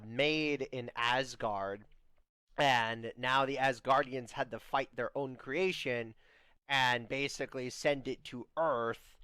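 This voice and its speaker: A man's voice: mid-range voice, a bit bright, clear, resonant tone, no echo. A young man hosting a comedy podcast skit who stammers, restarts his sentences and slips in puns. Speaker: host.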